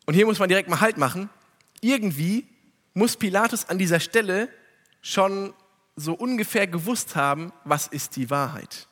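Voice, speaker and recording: A man preaching with a fairly high, bright and forceful voice. He reads scripture, then works through it with earnest rhetorical questions aimed right at his listeners. The recording carries a long hall reverb. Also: animated, moderate pace. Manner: earnest, addresses listeners directly. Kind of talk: sermon.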